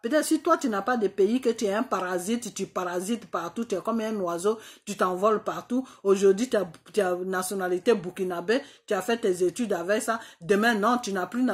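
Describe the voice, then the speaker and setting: A woman from Côte d'Ivoire, delivering an indignant, mocking political rant to camera, full of repetitions. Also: mid-range voice. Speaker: political commentator.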